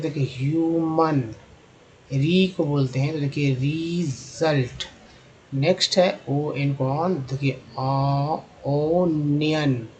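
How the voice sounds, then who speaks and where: Male tutor, a bit high-pitched, slow repetitive delivery for a pronunciation lesson. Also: a little mellow, low-quality recording. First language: Hindi. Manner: slow, repetitive, drawn-out demonstrations of sounds. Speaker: English teacher.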